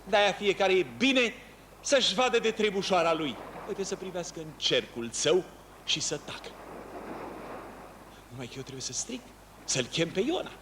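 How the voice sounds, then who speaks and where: A man's voice: sits high, lively intonation, long pauses, fairly bright tone. An actor playing a lonely fisherman who talks to himself, musing aloud and breaking into long calls. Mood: brooding. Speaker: actor in a one-man stage play. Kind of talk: theatrical monologue. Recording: noisy ambient background.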